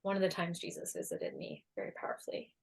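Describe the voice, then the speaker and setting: Animated storytelling woman guest. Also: fairly low pitch, fast, vocal fry. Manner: animated, acts out quoted voices, many fillers. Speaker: guest, energy healer and coach. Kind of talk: casual storytelling.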